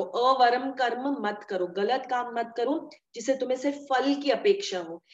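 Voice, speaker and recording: A woman giving a devotional scripture talk, explaining with everyday examples, repeating key phrases and mixing English words into her speech. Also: a little high. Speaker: scripture teacher. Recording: echoey room, dull lo-fi sound.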